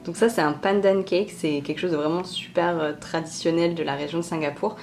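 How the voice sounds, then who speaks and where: A woman's voice: fairly low pitch, fairly even intonation, fairly quick, darkish tone, soft background music. A young woman narrating a casual food vlog, gushing with enthusiasm about each dish. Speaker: food vlogger.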